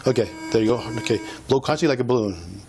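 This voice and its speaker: This bodycam field recording catches a middle-aged policeman talking a person through a breath test, repeating brief commands over loud music. He speaks fast and animated at a medium pitch, with noise in the background.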